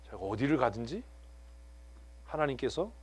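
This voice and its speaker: Male pastor, lively sermon, pitch all over, faint hum behind, Korean. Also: moderate pace, husky. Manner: animated, swings from hushed to loud, laughs often. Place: church sanctuary.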